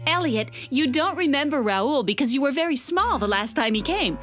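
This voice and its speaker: A bright, lively cartoon mom. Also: female voice, high-pitched, normal speed. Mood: amused. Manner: gently amused, chiding. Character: patient cartoon mother. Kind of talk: cartoon voice acting. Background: music.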